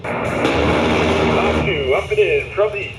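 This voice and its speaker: A man speaking as a military pilot in clipped radio calls, relayed over loudspeakers. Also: medium pitch, wildly swooping pitch, drawn-out words. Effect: aircraft radio relayed over loudspeakers. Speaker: military pilot in an airshow demonstration. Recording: echoey radio relay with music behind.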